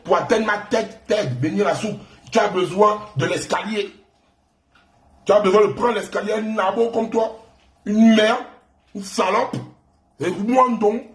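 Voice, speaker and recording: A man's voice: high-pitched, roomy sound. A man with a Gabonese French accent hosting an online live stream, taunting and insulting a rival in a mocking, repetitive rant.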